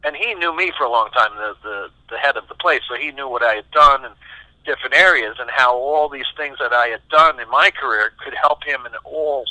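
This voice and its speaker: A man answers interview questions as an animated storyteller, stopping and restarting as he goes. His voice is bright and forceful with a pointed edge. The recording is dry and close, with no room around it. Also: mid-range voice, fairly quick, dry recording, rough recording. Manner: animated, acts out quoted voices, many restarts. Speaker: session guitarist, interview guest.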